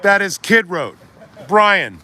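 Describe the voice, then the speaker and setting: A man chatting casually outdoors on a city street at dusk, talking in animated, rambling bursts full of restarts. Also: sits high, slow, slight background noise. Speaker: livestreamer. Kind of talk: casual chat. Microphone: phone camera.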